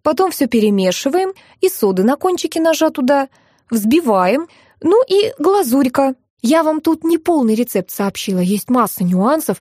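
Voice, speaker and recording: A woman's voice: sits high, sing-song, moderate pace, warm tone, dry recording, studio quality, pitched above the performer's own voice. A woman doing a gushing, sugary hostess. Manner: sugary, breathless, full of pet-form words. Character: fussy, gushing middle-aged hostess woman.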